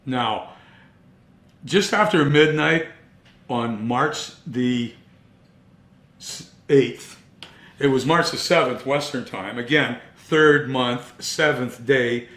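A man telling his own story in a first-person monologue, earnest and emphatic, with dramatic pauses. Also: mid-range voice, fairly bright tone. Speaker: speaker recounting his own investigation. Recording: roomy echo.

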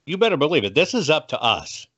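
Man, American, political activist guest; highish voice with big pitch swings, punchy and folksy, preaching to listeners. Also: sing-song, fast talker, a bit bright, breathy edge. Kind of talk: motivational political commentary. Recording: dull, muffled lo-fi audio.

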